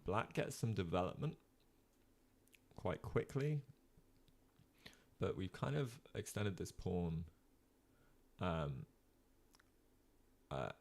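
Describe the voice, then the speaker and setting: A young man talks through chess games for a live-stream audience in a casual, rambling way. His voice sits very low and carries a gravelly fry, and he leans on frequent ums and uhs while he thinks aloud and answers the chat. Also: a little mellow. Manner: chatty, many ums and uhs, reads chat.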